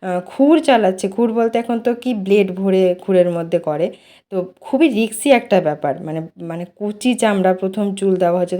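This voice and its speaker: A woman's voice: mid-range voice, dark tone. Chatty woman narrating a family vlog. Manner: chatty, many fillers like "mane". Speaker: vlogger and mother.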